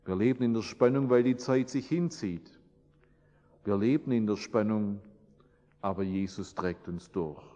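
A man preaches a sermon and prays in an earnest, repetitive preaching cadence. His fairly low voice is mellow and a little slow. The recording has long reverb and a dull, lo-fi sound.

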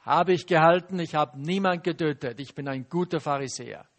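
A man acting out a self-satisfied male Pharisee who boasts of keeping every rule, speaking lower and softer than his usual preaching voice. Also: fairly quick, natural voice. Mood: smug.

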